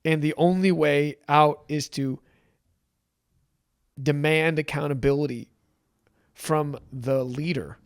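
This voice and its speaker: A man's voice: on the high side, slow pace, pauses often, smooth. A man telling a personal story in a candid, emotional chat, with many restarts. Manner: animated, emotional, many restarts and acted quotes. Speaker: podcast guest.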